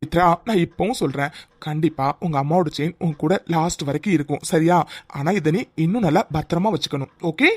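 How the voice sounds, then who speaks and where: Figure: someone voicing a caring young man, fast and soothing. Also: mid-range voice, slightly rough, dry recording, close to an everyday voice. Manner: soothing, reassuring, quick. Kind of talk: cartoon voice acting.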